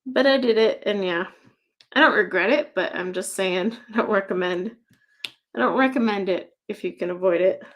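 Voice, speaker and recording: A woman's voice: medium pitch, normal speed. A woman talks casually on a livestream as she works with her hands. Her chat rambles, full of fillers and light laughter. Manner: chatty, rambling, laughs often; many fillers like "like" and "um". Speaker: livestream host. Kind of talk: casual chat while crafting.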